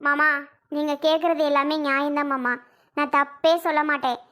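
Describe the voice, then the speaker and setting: A woman's voice: sits high, steady tone, moderate pace, pushed and bright. A woman playing a pleading, self-blaming mother in an amateur family drama skit. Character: pleading mother, wife of a failed son.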